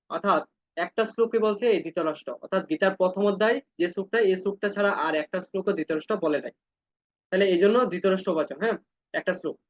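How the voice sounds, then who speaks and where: A man teaching an online scripture class, chanting verses slowly syllable by syllable and then explaining them briskly to his students. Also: sits high, dry recording, lo-fi sound. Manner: addresses students directly, asks them to follow along.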